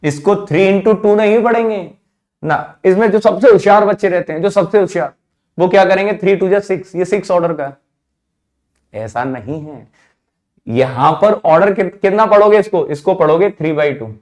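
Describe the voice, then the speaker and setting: A man's voice: sits high, animated, normal speed, darkish tone. A man teaching a math class, who keeps asking the students questions and then answers them himself, repeating the key terms. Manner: calls students "children", drops his voice at answers. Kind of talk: classroom lecture.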